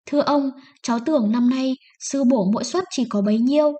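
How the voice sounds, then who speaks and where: A woman's voice: sits high, fairly quick, mellow, dull audio. A woman voicing a poor, desperate peasant wife who pleads and sobs, raising her voice above her reading tone. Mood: pleading. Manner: pleading, sobbing.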